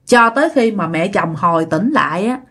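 A woman's voice: medium pitch, animated, normal speed, fairly bright tone. Chatty woman telling ghost stories. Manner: chatty, addresses the listener directly. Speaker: storyteller. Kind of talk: casual ghost-story narration.

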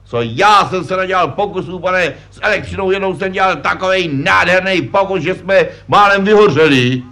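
Pompous know-it-all puppet dad, forceful bright voice, lectures like an old-time puppet show. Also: male voice, high-pitched. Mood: lecturing. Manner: self-important, lecturing, fond of "že jo". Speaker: puppet performer. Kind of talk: vintage puppet comedy sketch.

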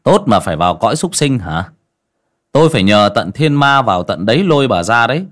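A man's voice: deep voice, very animated, moderate pace. A man voicing a stern, sarcastic exorcist master who scolds and commands. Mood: scolding.

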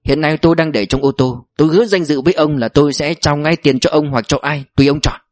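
A man's voice: a little high, fast talker, no echo, lightly acted. Man doing a guarded bank clerk, curt, audiobook read. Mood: wary. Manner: curt, wary. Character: male bank employee, tense and guarded.

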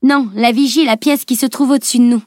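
A woman's voice: fairly high pitch, steady tone, fast talker, darkish tone, no room sound, clean studio sound, pitched above the performer's own voice, lightly acted. A woman reading an audiobook, voicing a confident teenage heroine who speaks eagerly and reassuringly.

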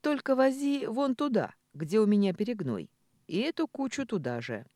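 Brief: woman reader playing a jovial, loud bearded villager, dry close recording. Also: on the high side, big pitch swings, normal speed, no room sound, pitched above the performer's own voice. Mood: jovial teasing. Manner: laughing, loud.

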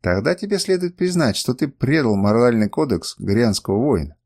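A man's voice: mid-range voice, lively intonation, a little fast, darkish tone. A man reading an audiobook, voicing a proud, fiery young woman who turns defiant, pleading and spiteful. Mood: furious.

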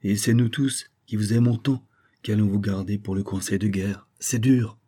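A man's voice: fairly low pitch, steady tone, normal speed, mellow, natural voice. A man reading the lines of a loyal young hussar who speaks plainly and respectfully to his commander. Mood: sorrowful.

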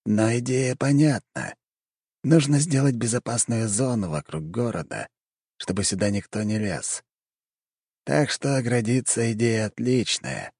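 A man's voice: medium pitch, lively intonation, a little mellow, breathy edge, dry recording, clean studio sound, pitched above the performer's own voice. A man voicing a weary, thoughtful male necromancer in an audiobook, speaking hesitantly and with sighs. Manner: hesitant, sighing, slow. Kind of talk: audiobook character voice.

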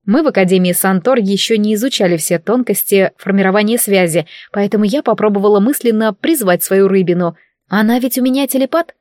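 A woman narrating a fantasy novel in first person, with an ironic, lively telling. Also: medium pitch, brisk, dry recording, clean studio sound. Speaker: audiobook reader. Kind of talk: scripted narration.

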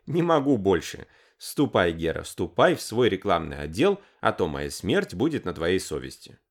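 A man's voice: low voice, very animated, moderate pace. A man reading the part of a tired, mocking young woman, raising his voice a little for her. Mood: weary, exasperated. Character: weary, sharp-tongued young woman.

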